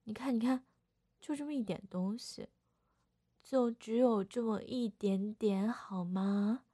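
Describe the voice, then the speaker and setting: A woman's voice: on the high side, unhurried, dark tone, no room sound. A young woman voicing a playful older sister in a second-person audio role-play, whining and teasing coquettishly.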